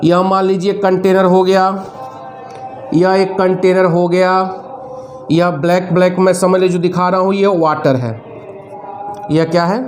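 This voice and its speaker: A male chemistry teacher giving a lecture, speaking loudly and quizzing students with repeated questions while dictating terms slowly. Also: sits high, fairly even intonation, soft background music. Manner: speaks loudly over nearby noise. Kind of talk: classroom lecture.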